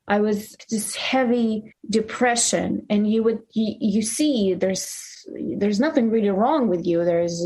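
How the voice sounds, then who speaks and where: Woman, candid and halting. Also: medium pitch, a little mellow. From Soviet Union, raised in Russia and Ukraine. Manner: open, halting, frequent fillers and restarts. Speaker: guest, sex coach. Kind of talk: candid interview storytelling.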